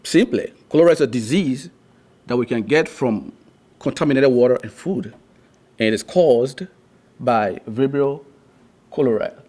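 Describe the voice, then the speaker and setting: A young Liberian man gives a class presentation in a mid-range, slightly mellow voice. He talks a bit slowly, pausing often, and earnestly restarts his sentences with plenty of fillers.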